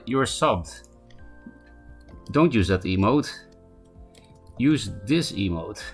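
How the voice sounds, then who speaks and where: A Polish-accented man streams a card game live, keeping the conversation casual, answering chat by name, and adding quick asides. His voice is on the low side with a fairly bright tone.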